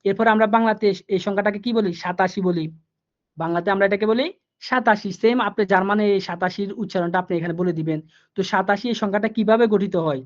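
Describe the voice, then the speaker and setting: A man teaching German numbers in a live online class, explaining each step slowly, repeating himself and asking the students questions. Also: sits high. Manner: repetitive, patient, asks the students questions. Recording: dull lo-fi online class audio.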